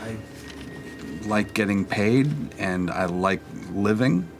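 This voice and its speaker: A man's voice: on the low side, slow, slight background noise. A man playing a blunt, pragmatic mercenary in tabletop role-play, speaking matter-of-factly. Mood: firm, frank.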